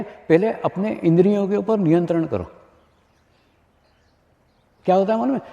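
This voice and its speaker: A high-voiced man delivers a spiritual discourse with a mellow, dark tone, repeating his points and putting rhetorical questions to his listeners. The sound is a dull lo-fi archive recording with long reverb from a large hall. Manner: repeats phrases, asks the audience rhetorical questions. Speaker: spiritual teacher.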